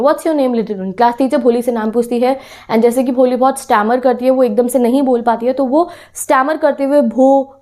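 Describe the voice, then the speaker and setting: A woman teacher with a high voice and dark tone walks her students through a class 10 English chapter. She patiently retells the story, mixing in English phrases and checking in with "theek hai."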